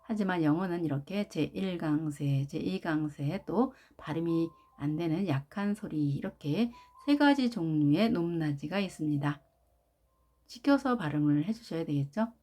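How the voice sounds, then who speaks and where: A woman teaching English words for jobs, who speaks slowly and often starts her phrases with "자" while she drills the stress of each word. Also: low-pitched, animated, warm tone. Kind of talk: slow, careful lesson narration.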